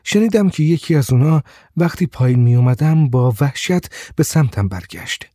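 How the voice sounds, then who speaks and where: A man voicing a gentle, shy blind woman who speaks softly and hesitantly, stammering at times. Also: fairly high pitch, expressive, no room sound, studio quality. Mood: wistful. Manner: soft, hesitant, stammers when upset.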